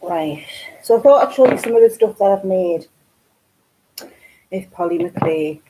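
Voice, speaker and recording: A woman's voice: on the low side, expressive, a little slow, background noise. A woman with a Geordie accent hosting a casual live craft stream from home, chatting and rambling with lots of ums. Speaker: craft channel host.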